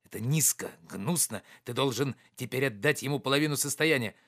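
A man reading an audiobook, voicing a loud, boorish, quarrelsome middle-aged man who shouts and blusters. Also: medium pitch, brisk. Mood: shouting.

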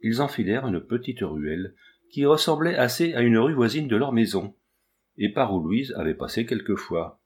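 A man narrating a classic children's story aloud in a measured, expressive reading. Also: medium pitch. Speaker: audiobook reader.

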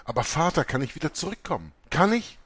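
Man reading young seminarian, earnest, anxious, lively pitch, dry close sound. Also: a little slow, no echo. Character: young male priest-student, anxious then doubting.

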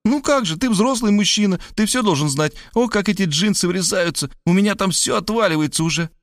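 A man reading aloud and voicing a brash, cheeky young woman who chatters in a high voice. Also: a little fast, no echo, clean studio sound.

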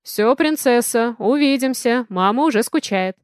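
Doting rich father voiced by a woman, brisk, cheerful, commanding, fairly high voice, dry sound. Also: lively intonation, clear, resonant tone, dry recording.

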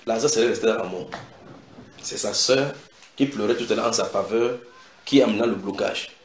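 A man preaching a sermon, breaking into loud dramatic voices for the people in the story. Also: on the low side, moderate pace, roomy sound. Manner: dramatic, acts out biblical voices with sudden loud shouts.

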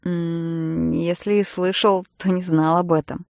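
A woman's voice: lowish voice, little pitch movement, a little slow, gravelly, a little mellow, no room sound. A woman voicing a proud, stubborn teenage boy in an audiobook, using her own everyday voice. The recording is dry and close. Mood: gentle.

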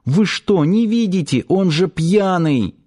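A man voicing a frightened young woman who pleads in a high, urgent voice. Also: lively intonation, takes it slowly, a little mellow, full character voice. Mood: pleading.

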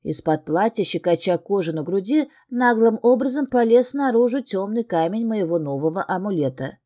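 A woman reads a first-person fantasy audiobook aloud. Her voice is mellow and warm, at a middle pitch, and her reading is expressive and emotionally engaged. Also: moderate pace. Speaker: audiobook narrator.

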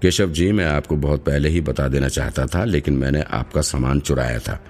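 A man voicing a nervous young male fan who confesses to murders, speaking quietly with his gaze lowered. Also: normal speed, soft background music.

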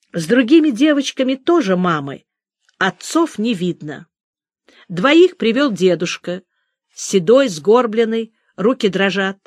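Expressive woman reading a story. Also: mid-range voice, dry recording, clean studio sound. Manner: expressive reading, briefly voicing the characters' quoted lines. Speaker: audiobook narrator. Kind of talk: scripted narration of a story.

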